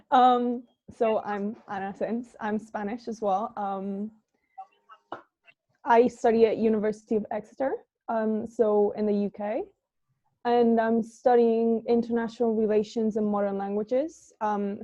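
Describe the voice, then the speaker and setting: A young woman, a university student abroad, giving a brisk informative introduction on a video call. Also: a little high, little pitch movement, dark tone, dry recording. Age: young adult. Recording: dull dry lo-fi call audio.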